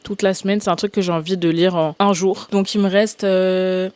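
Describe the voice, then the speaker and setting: A woman's voice: on the low side, little pitch movement, normal speed, darkish tone, clear, resonant tone, dry recording. A young woman chatting informally and with youthful slang as a book vlogger, talking straight to her viewers. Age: young adult. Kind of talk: casual vlog chat.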